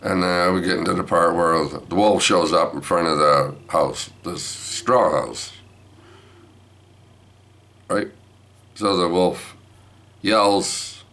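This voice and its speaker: Deep gravelly older man rambling. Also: pushed and bright. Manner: repetitive, asks listeners "right?". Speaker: grandfather telling an anecdote. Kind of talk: rambling storytelling.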